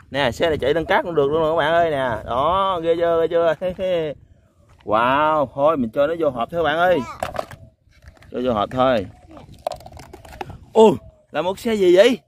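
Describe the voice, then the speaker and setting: A man hosts an outdoor toy-hunting vlog in a high, bright voice. He keeps exclaiming and chuckling as he talks straight to his viewers. A faint hiss sits under the recording. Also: animated, moderate pace, long pauses. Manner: exclaims "wow" often, chuckles, addresses viewers. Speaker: toy vlogger. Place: outdoors on a sandy lot.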